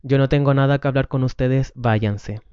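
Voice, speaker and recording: A man's voice: mid-range voice, steady tone, normal speed, warm tone, clean tone, dry recording, natural voice. A man reading the lines of an angry, cornered man who curtly refuses to help, on a dull lo-fi recording. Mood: refusing. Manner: curt, defensive, refusing.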